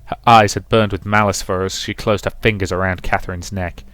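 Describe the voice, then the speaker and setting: This man's voice is low-pitched, steady, fairly quick and a little bright. Hosting a let's play, he switches between relaxed commentary and reading a visual novel aloud, with game music in a roomy, echoey recording.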